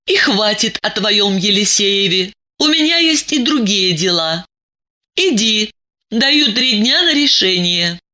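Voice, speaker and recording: A woman's voice: medium pitch, expressive, bright, forceful tone, voice pushed up. A woman reading an audiobook, voicing a stern, weary female investigator who speaks firmly and coldly. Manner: firm, cold, measured.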